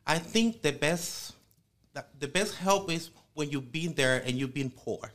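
Earnest Salvadoran man, higher voice. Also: lively intonation, fairly bright tone. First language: Spanish. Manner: earnest, halting, with frequent restarts. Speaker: guest. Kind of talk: casual podcast conversation.

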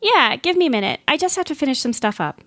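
A woman's voice: high voice, big pitch swings, quick pace, fairly bright tone, no echo, pitched above the performer's own voice. A woman voicing a perky young female restaurant server in a casual podcast audio drama. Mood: gossipy.

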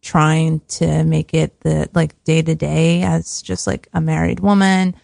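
A soft-spoken woman talking casually and a little hesitantly as a guest in an interview. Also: sits low, level tone, measured pace, gravelly, dry recording, studio quality. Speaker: podcast guest.

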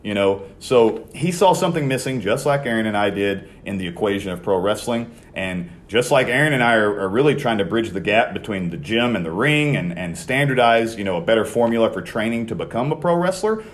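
Young male podcast host, slightly low voice, casual and chatty with lots of fillers. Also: lively intonation, fairly quick, hardly any pauses. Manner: conversational, lots of fillers and restarts.

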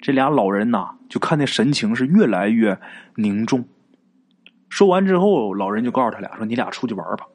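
A man's voice: mid-range voice, lively intonation, moderate pace, darkish tone. Casual male ghost-story teller. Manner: colloquial, full of filler particles and asides.

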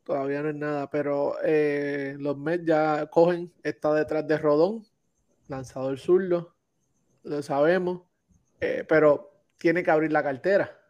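Man, higher-pitched voice, halting delivery, casual sports panel commentary, lo-fi muffled sound. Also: fairly even intonation, darkish tone. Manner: halting, searching for words. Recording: dull lo-fi audio.

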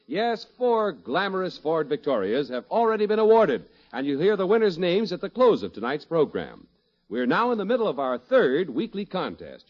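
An American man announcing in the emphatic, showman-like style of an old radio announcer, reading scripted sponsor copy and narration. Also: sits high. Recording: muffled vintage radio recording, music behind.

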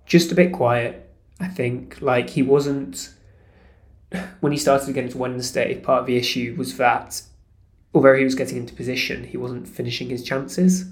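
Male pundit, monotone and measured, roomy echoey sound. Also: mid-range voice. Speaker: football pundit. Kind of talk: casual football analysis. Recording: roomy echo.

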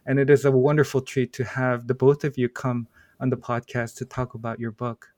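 A man's voice: medium pitch, flat delivery, fairly quick, darkish tone, dry recording. A man hosting a podcast, reading formal guest introductions with small stumbles. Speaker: podcast host.

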